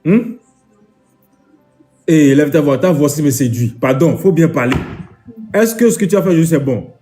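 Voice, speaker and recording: A man's voice: fairly high pitch, lively intonation, normal speed, mellow, soft background music. A man talking to camera in a casual vlog, scolding with indignant repetition. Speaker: vlogger.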